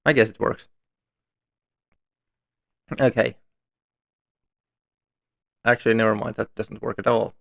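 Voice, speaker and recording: A man's voice: lowish voice, flat delivery, slow, creaky, long pauses, a bit bright. A man streaming from home, reading story text aloud and breaking off for chatty, self-deprecating asides.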